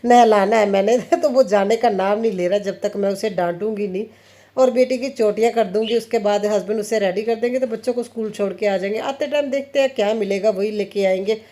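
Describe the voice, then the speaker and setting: A mellow, medium-pitched woman's voice at a fairly quick pace. The speaker, a home vlogger and mother from India in her thirties, casually talks about her family and kitchen routine as she works, with frequent laughter and quoted family exchanges.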